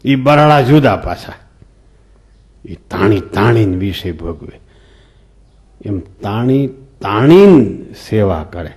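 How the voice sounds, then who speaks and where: A man's voice: on the low side, very animated, takes it slowly, long pauses, darkish tone. A man giving a sermon as a swami, telling folksy stories and asking the listeners questions. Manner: folksy storytelling, asks the hall questions. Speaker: swami giving a scripture discourse.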